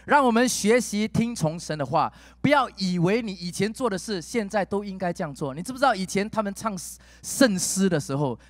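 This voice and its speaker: A man preaching a sermon, telling a personal story with lively swings in pitch and dropping in English words. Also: no room sound.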